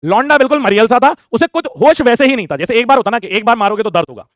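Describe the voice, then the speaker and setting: Fast-talking young man telling a school story. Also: very high-pitched, no room sound, studio quality. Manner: animated, acts out the teacher and classmates in quick voices. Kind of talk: casual storytelling.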